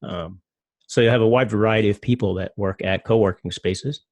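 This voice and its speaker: A middle-aged man talks through his slides in a loose, rambling way, with plenty of fillers. His voice sits low and carries a gravelly edge. The recording is dry and close, with no room sound. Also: steady tone, a little fast, a little mellow, no echo. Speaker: presenter. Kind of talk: casual talk with slides.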